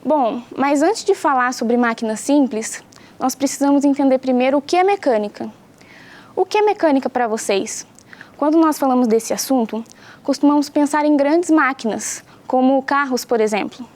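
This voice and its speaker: A young woman teacher from Brazil, giving a patient home science lesson that explains things clearly and asks the pupils questions. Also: high-pitched, normal speed, a little mellow.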